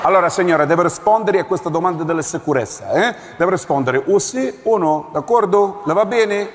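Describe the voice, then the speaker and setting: A man's voice: high voice, lively intonation, brisk. A man voicing a fussy, officious male airport security guard who speaks broken Italian and keeps repeating his demands, on a live stage. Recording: live theatre stage, echoing, audience.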